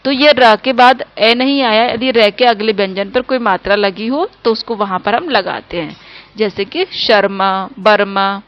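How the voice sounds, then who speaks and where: A woman teacher giving a grammar lesson, slowly spelling out sounds one by one. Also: mid-range voice, muffled recording.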